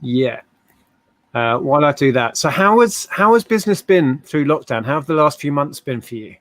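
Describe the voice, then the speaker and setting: A man's voice: a little high, animated, moderate pace, no echo. A British man hosting a live stream in a casual, chatty style. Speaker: host.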